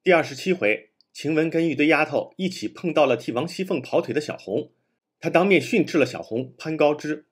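A man's voice: on the high side, expressive, a little fast, breathy edge. A man hosting a literary commentary show, laying his points out one by one. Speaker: host.

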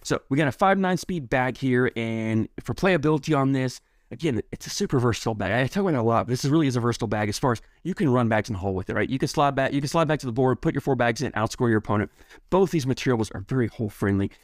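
A man's voice: mid-range voice, expressive, racing, dry recording, studio quality. A man giving a casual, enthusiastic product review, rambling a bit with restarts and repeated words.

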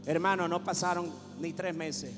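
A man's voice: high-pitched, fairly even intonation, moderate pace. A man with a Dominican accent preaching a fervent sermon at a live church service and calling people to the altar. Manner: fervent, rising to exhortation. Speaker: pastor. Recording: echoey hall, live worship music.

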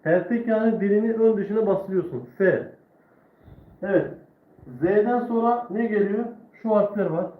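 A man teaching Quran reading in a live online lesson, drilling letter sounds slowly and patiently. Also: sits high. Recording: echoey room, tinny phone-like sound.

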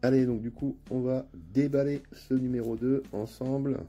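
A man with a northern French accent hosts his own channel, narrating a casual unboxing in a chatty, relaxed way with lots of hesitations. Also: medium pitch, normal speed, lo-fi sound. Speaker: channel host. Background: faint background music.

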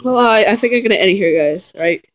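A woman's voice: mid-range voice, expressive, quick pace. A woman making a prank phone call, stammering and breaking into giggles as she talks. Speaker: prank caller.

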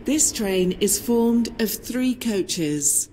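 A woman's voice: fairly high pitch, animated, very slow, low-quality recording. A woman voicing a recorded onboard train announcement. She reads the stops in a clipped, list-like way. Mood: formal. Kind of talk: recorded calling-point announcements. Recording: game audio over loud train noise.

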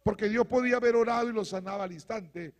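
A male pastor preaching a fiery sermon, calling out to the congregation and rising to shouts. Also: high voice, fast talker, lo-fi sound. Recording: long hall reverb.

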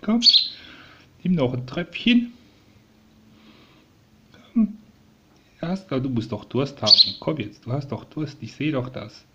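A man coaxes a small bird in a soft, doting voice that slips into whispers. His tone is bright and clear, with faint chirps behind him. The home recording sounds a little dull. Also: medium pitch, very animated, a little slow, slight background noise. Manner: coaxing, soft and doting, often dropping to a whisper. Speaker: vlogger raising a rescued sparrow. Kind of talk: casual talk to a bird and viewers. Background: sparrow chirping.

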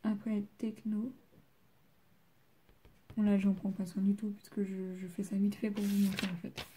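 A woman's voice: mid-range voice, level tone, normal speed, dark tone, a little hiss or hum. A teenage girl from France doing homework on camera, chatting casually with many fillers and sometimes dropping to a murmur. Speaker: student vlogger. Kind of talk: casual study vlog.

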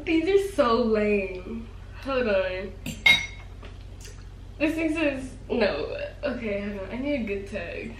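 A woman's voice: a little high, expressive, takes it slowly, long pauses. A young woman hosting a casual vlog, chatting loosely with lots of ums and likes. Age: young adult. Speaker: vlog host. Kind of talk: casual chat on camera. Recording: roomy, distant, clattering kitchen noise.

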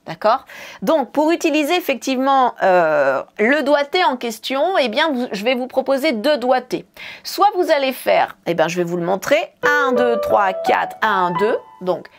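A woman piano teacher, explaining a scale casually and counting fingerings aloud as she plays. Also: fairly high pitch. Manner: talks while playing, counts fingerings aloud. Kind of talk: casual demonstration lesson. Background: piano notes.

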